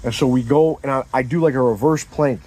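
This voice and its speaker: A man telling a comedic story in casual chat, animated and profane, acting out scenes with sound effects and quoted lines. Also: medium pitch, a little fast, poor audio.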